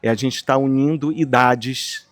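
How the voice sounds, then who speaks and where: A man's voice: mid-range voice, fairly even intonation, a little slow, no echo. Brazilian man, dry close podcast sound. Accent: Brazilian Portuguese. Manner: warm, rambling, frequent "né?" tags. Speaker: guest psychologist. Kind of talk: casual podcast conversation.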